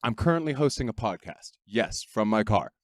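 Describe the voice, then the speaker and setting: A man's voice: fairly low pitch, animated, moderate pace, no room sound. A man hosting a podcast from his parked car, chatting casually with friendly bursts and fillers. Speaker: podcast host. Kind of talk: casual chat. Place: parked car in a grocery store lot.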